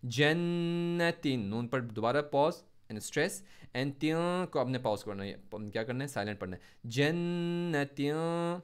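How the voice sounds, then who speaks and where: A man teaching tajweed in Urdu, reciting words slowly with stress and explaining each letter in quicker, lower asides.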